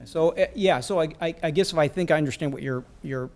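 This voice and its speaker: A man's voice: on the high side, fast talker, a little mellow. A male city staff member answering council questions at a meeting, explanatory and hedging with fillers, in a council chamber.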